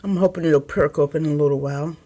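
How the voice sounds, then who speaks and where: A woman talks her way through a casual tour of her small greenhouse, her voice sitting a little low. She is chatty and meandering, often pausing on an um. The sound comes from a handheld phone in a close, cluttered space. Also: warm tone. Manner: chatty, meandering, with many ums. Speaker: gardening vlogger. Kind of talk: casual home video tour. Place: small makeshift greenhouse, indoors.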